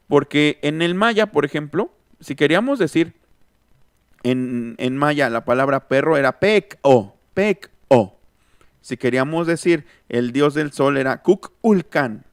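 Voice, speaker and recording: A man with a Mexican accent gives an online linguistics lesson, thinking aloud and stopping to read out and answer students' comments. His voice is smooth and resonant. It is recorded close and dry, with no room sound. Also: on the high side, no echo. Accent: Mexican Spanish. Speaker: linguistics teacher. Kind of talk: online lecture. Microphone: close mic, online class.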